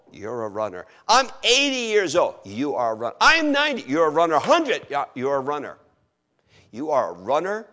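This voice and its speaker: A middle-aged man preaching a sermon, acting out his listeners' objections in an animated way. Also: mid-range voice.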